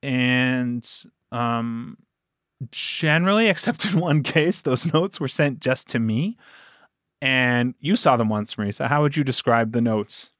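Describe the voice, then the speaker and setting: As a guest on a conversational podcast, a man who produces audio dramas speaks earnestly and emphatically while he explains and tells stories. His voice is mid-range and a bit bright, at a measured pace, with clean studio sound and no echo.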